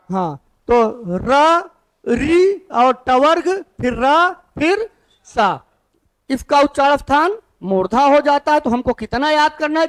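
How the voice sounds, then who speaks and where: A man teaching Sanskrit to a class, who asks his students questions and then answers them himself. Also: very high voice. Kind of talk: classroom lesson.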